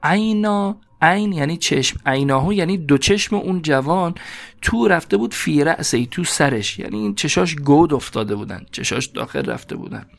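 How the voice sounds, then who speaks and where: A man teaching a slow, deliberate grammar lesson, parsing a classical text word by word. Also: a little high, lively intonation, vocal fry. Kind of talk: seminary-style grammar lesson.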